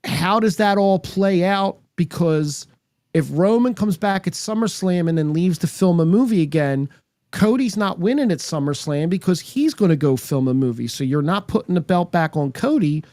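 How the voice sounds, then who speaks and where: A man's voice: high voice, expressive, normal speed, darkish tone, no echo. A man co-hosting a podcast, chatting casually about wrestling, speculating aloud with slangy, questioning remarks. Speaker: podcast co-host. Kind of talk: casual wrestling recap chat.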